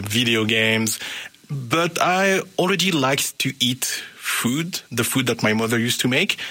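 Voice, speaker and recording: Bright-voiced man. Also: mid-range voice. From France. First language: French. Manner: relaxed, with fillers, thinks aloud. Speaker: guest, pastry educator. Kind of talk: interview answers, casual.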